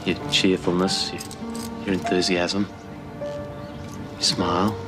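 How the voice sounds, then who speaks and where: An actor playing a blunt, proud older Australian man in a television soap, speaking plainly and haltingly. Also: sits low, flat delivery. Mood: apologetic. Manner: halting, gruff, plain-spoken. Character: blunt, stubborn, proud but good-hearted older bloke. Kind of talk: television soap drama acting. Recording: TV soundtrack with music underneath.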